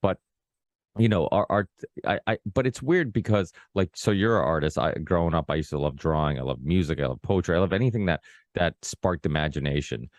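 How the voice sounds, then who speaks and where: With a low voice, lively intonation and a brisk pace, a man of around forty, born in Portugal and a native Portuguese speaker, hosts a casual long-form podcast. He rambles, keeps restarting and says "you know, like" a lot. There is no echo.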